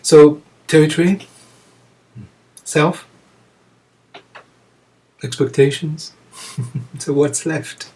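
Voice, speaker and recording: A man giving a reflective Zen teaching talk to students, musing aloud with many pauses and soft chuckles. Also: on the high side, steady tone. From France. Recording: voice picked up from a distance.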